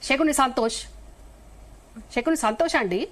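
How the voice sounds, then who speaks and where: A woman's voice: sits high, expressive, measured pace, fairly bright tone. A middle-aged woman with a Telangana Telugu accent, a guest in a heated live TV debate, firing off emphatic, accusing rhetorical questions.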